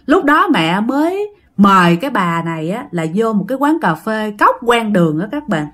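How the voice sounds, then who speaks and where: A woman's voice: medium pitch, normal speed. Southern Vietnamese woman telling a ghost story. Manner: addresses listeners, retells in lively quoted speech.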